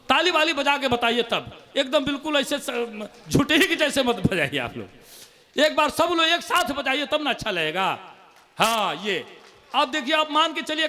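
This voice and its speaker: A man with a Bhojpuri accent performing as a comic poet on stage, joking with the crowd and reciting his verses slowly. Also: very high voice, pushed and bright, in a large hall. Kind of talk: humorous stage poetry recital.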